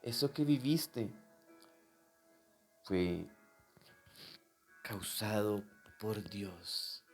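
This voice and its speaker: A man preaching a sermon, telling his own story straight to the listener, dropping to a hush and then rising to loud, emphatic peaks. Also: fairly low pitch, lively intonation, very slow, long pauses, soft background music. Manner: personal testimony addressed directly to the listener.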